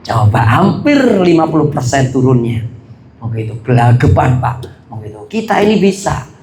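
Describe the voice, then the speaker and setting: A man giving a religious lecture in a chatty, lively way, asking and answering his own questions. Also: medium pitch, normal speed, reverberant, a little hiss or hum. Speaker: preacher.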